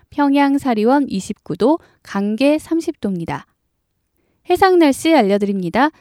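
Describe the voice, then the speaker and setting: Woman news host, mellow and dry. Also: high-pitched, dry recording. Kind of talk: radio news presenting.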